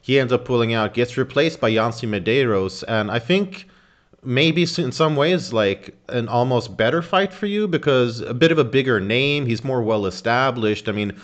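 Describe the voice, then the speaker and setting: A man's voice: mid-range voice, animated, moderate pace. A young man interviewing a fighter over a video call from a room at home, asking long, wordy questions. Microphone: video call webcam with earphones. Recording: dull lo-fi video call audio.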